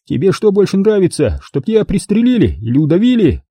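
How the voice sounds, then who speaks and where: A man's voice: high-pitched, huge pitch swings, brisk, dark tone, slightly rough, no room sound, studio quality, pitched above the performer's own voice, exaggerated voice. A man voicing a brash, swaggering male detective partner who bullies with mocking threats, in an audiobook reading. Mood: menacing. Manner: mocking, menacing bluster.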